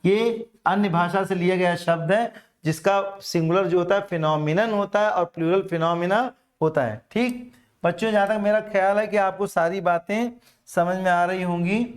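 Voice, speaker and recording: Indian guy teaching grammar, kinda high voice, asks a question then answers it himself. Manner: explains step by step, asks and answers his own questions. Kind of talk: classroom grammar lecture.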